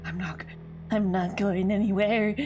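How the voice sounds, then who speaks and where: A woman voicing a nerdy, frightened young male student who stammers and rises into shouting in a visual novel. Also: medium pitch, fairly even intonation, measured pace, soft background music, lightly acted. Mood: panicky.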